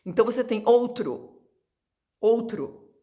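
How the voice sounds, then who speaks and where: A woman's voice: fairly high pitch, lively intonation, mellow. Chatty São teacher woman. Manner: chatty, drawn-out demonstrations. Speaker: Spanish teacher. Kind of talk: lively video lesson.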